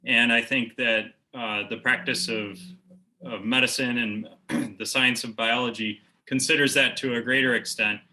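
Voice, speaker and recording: A man from the United States hosts the conversation as a business law instructor, thinking aloud with frequent pauses and restarts. His mid-pitched voice has a very bright, sharp edge. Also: fairly even intonation, poor audio. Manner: thoughtful, hesitant, musing. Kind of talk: conversational interview.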